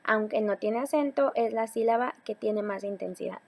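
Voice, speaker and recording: A woman teacher giving a recorded slide lesson, talking patiently to her students and slowing down on key words. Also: on the high side, vocal fry, darkish tone. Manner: patient, addresses students directly, slows to stress key words.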